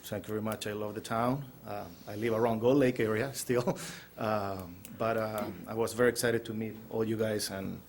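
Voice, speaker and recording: A man introduces himself at a city council meeting. His low, gravelly voice stays flat in tone. He talks haltingly, with lots of fillers. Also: a little hiss or hum. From Chile. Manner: halting, with many fillers and restarts. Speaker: restaurant owner applying for a license. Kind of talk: nervous self-introduction at a public meeting. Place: council chamber.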